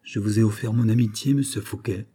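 A man's voice: on the low side, fairly even intonation, a little fast, warm tone, husky. A man voicing a proud, passionate noblewoman in an audiobook of a classic novel, pleading and insistent. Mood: reproachful.

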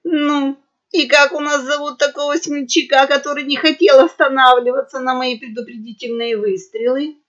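A woman's voice: sits high, brisk, pitched above the performer's own voice, close to an everyday voice. A woman voicing a menacing male boar pirate captain who squeals his threats, on a dull lo-fi recording.

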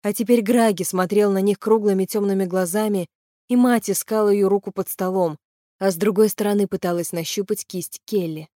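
A woman's voice: medium pitch, a little fast, dry recording. Woman reading a fantasy novel, dry close sound. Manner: even, steady storytelling. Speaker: audiobook reader. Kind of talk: scripted narration of a fantasy novel.

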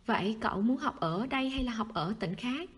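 A woman reading the lines of a laid-back, teasing teenage schoolboy in a husky voice. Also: on the high side, expressive, fairly quick.

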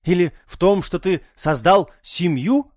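A man's voice: high voice, a little slow, a little mellow, no room sound, clean studio sound, voice pushed up. A man voicing an obsessed young male scientist chasing immortality, fervent and scornful. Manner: fervent, scornful, rising to outbursts.

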